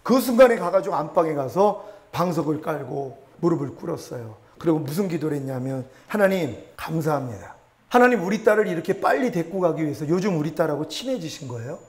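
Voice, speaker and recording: Man, pastor, sermon testimony, high voice, very animated pitch, emotional storytelling. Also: fairly quick. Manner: emotional storytelling, acting out prayers and quoted voices.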